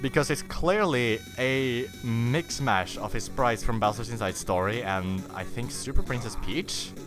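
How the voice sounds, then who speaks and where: A man's voice: mid-range voice, a little slow. A man giving casual, rambling commentary while playing a video game, chatty and full of fillers and self-corrections. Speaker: let's player. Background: game music.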